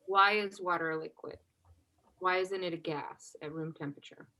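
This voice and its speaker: A woman with a fairly low voice runs a relaxed chemistry exam review. She keeps quizzing her class and tags her explanations with a quick "right?" to make sure everyone follows. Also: poor audio. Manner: checks understanding constantly with "right?"; relaxed conversational teaching, asks class questions. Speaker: chemistry instructor.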